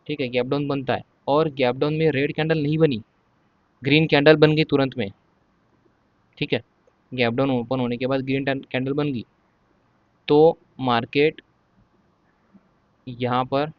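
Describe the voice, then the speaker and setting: A man's voice: medium pitch, steady tone, no room sound, lo-fi sound. A man, explaining trading charts step by step in a casual lesson and often checking in with the listener. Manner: explains step by step, repeats "ठीक है" often, says he will speak slowly. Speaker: stock market trading educator.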